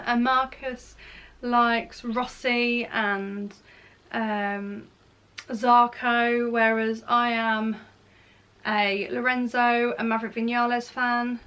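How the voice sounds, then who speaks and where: Woman in her thirties, slightly high voice, casual Q&A vlog, rambling, self-correcting. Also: little pitch movement, slow pace, fairly bright tone, clear, resonant tone. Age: 30s. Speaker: beauty and lifestyle vlogger. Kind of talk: casual Q&A chat to camera.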